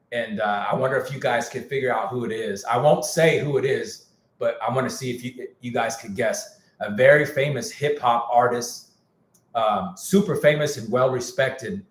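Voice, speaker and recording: A music producer rants casually on a livestream in a reverberant, medium-pitched male voice, candid and slangy, repeating himself and mentioning that he's losing his voice.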